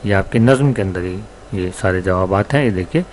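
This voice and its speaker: A man teaching a class, explaining word meanings slowly and patiently and repeating himself for students. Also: low voice, darkish tone, a little hiss or hum. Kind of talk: recorded classroom lesson.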